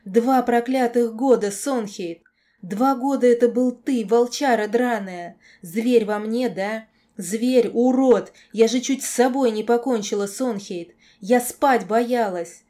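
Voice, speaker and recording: A woman voicing a furious young woman in an audiobook, screaming insults in a hoarse, raw voice. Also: medium pitch, normal speed, dark tone, natural voice. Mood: enraged. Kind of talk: audiobook character voice.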